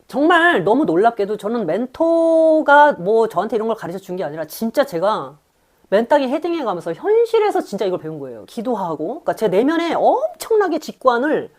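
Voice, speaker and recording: Animated woman lecturing with lively pitch. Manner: animated, acts out inner voices and quotes. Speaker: lecturer on Jungian psychology. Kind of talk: spirited lecture with personal stories.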